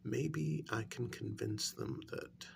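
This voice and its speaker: A man at medium pitch plays a calm government agent interrogating a captured werewolf in a soft-spoken ASMR role-play, with slight background noise. He keeps it breathy and often near a whisper, measured and quietly coaxing.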